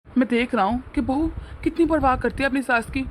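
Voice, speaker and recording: A woman voicing a middle-aged father-in-law who schemes kindly and scolds in a fatherly way in an animated family drama. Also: sits high, brisk, a little hiss or hum, close to an everyday voice. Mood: scheming.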